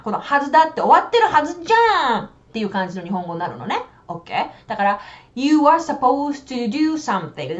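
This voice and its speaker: A woman teaching English in a casual, chatty way, switching between Japanese explanation and slow, carefully spoken English examples. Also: medium pitch, muffled recording.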